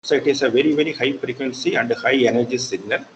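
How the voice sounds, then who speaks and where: A mid-pitched man with an Indian English accent teaches an online class at a steady, careful pace. He stops often on fillers as he works through each point. A faint hum sits behind his voice. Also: fast talker. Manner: hesitant, many fillers. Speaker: lecturer. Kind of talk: online lecture.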